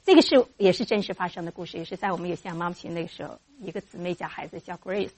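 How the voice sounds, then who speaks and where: A woman giving a church teaching to mothers about raising children in faith, lively and acting out parent and child voices as she goes. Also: fairly low pitch, rapid-fire, husky.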